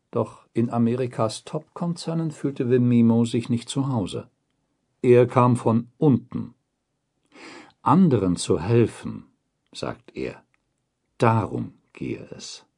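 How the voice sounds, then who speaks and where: A man reading a scripted documentary voice-over in a measured, deliberate reporting tone. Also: mid-range voice, darkish tone, breathy edge. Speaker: documentary narrator.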